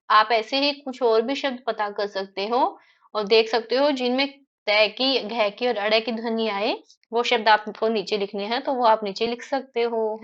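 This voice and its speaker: Woman teacher stretching words slowly for children. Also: on the high side, muffled recording. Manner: slow, stretched-out repetition of words; frequent tag questions to children. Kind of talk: children's phonics lesson.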